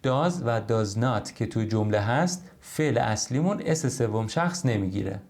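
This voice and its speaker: A man teaching an English lesson, explaining grammar patiently and repeating words slowly for practice. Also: medium pitch, animated, darkish tone.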